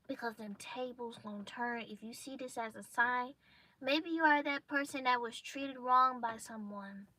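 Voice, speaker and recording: Young woman vlogger, slightly high, bright edge to the voice, blunt preachy delivery. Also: slight background noise. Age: young adult. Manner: emphatic, preachy, blunt slang. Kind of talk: casual motivational monologue.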